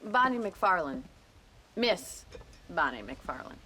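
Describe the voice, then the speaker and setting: Young frontier rancher, American accent, dry, teasing, plain-spoken, animated delivery, bright tone, western game. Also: female voice, lowish voice, slow, slight background noise, exaggerated voice. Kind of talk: cinematic western game acting.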